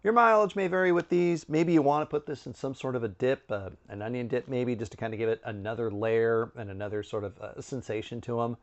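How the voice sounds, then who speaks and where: A middle-aged man giving a casual product review to camera, conversational, with musing pauses and asides. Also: medium pitch, fairly even intonation, highs cut off. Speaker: snack review video host. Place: indoor room with bookshelves.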